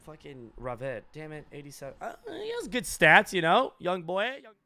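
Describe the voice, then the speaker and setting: A young man giving loud, excitable commentary while opening game packs, jumping between shouted hype and muttered swearing. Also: a little high, moderate pace. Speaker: gaming YouTuber opening packs.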